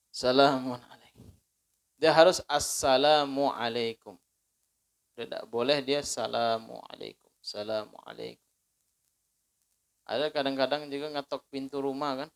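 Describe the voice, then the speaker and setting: A man with an Indonesian accent teaching an Islamic study circle lesson, slowly drawing out recited phrases and putting questions to his listeners. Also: on the high side, fairly bright tone. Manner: slow, drawn-out demonstrations of recited phrases; conversational, asks listeners questions. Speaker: religious teacher.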